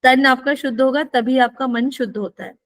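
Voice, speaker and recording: A woman with a high voice teaches a spiritual lesson, explaining points patiently and checking in with rhetorical questions. The sound is dry and close, with no room echo. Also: normal speed. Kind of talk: spoken teaching session.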